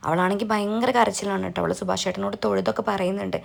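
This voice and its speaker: A woman's voice: mid-range voice, fairly even intonation, fast talker, gravelly. A woman YouTuber giving a chatty, casual recap of a TV serial episode. She retells each scene and keeps dropping in friendly asides to her viewers.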